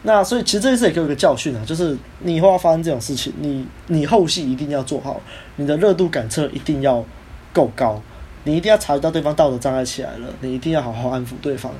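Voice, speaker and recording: A man with a Taiwanese Mandarin accent, hosting a podcast, telling a personal story in a casual, animated way and acting out the people he quotes. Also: on the high side, quick pace, slight background noise. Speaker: podcast host.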